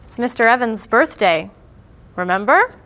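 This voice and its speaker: A woman's voice: a little high, animated, measured pace, sharp tone, heavily acted. A woman acting a chatty young woman in a scripted learner dialogue, in a played-back clip. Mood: cheerful.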